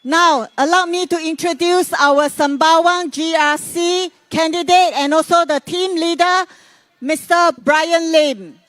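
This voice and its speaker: Very high, bright Singaporean male rally emcee. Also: fairly even intonation, measured pace, faint music behind. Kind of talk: political rally announcing. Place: outdoor rally field.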